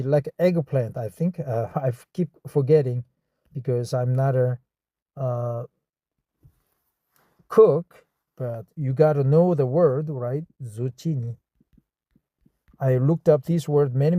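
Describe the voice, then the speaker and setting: A man's voice: medium pitch, mellow, dry recording. A man from Korea with a Korean accent reads a text aloud in English and stops to comment and practice words again and again. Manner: slow, repeats and practices words. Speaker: reader studying English.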